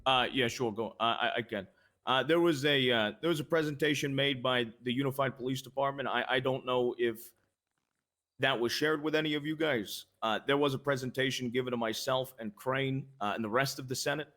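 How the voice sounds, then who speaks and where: A man's voice: mid-range voice, fairly even intonation, a little fast, fairly bright tone. A man playing a senator in a game role-play, answering a crowd's questions bluntly, swearing and stammering on restarts. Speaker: senator in a roleplay briefing.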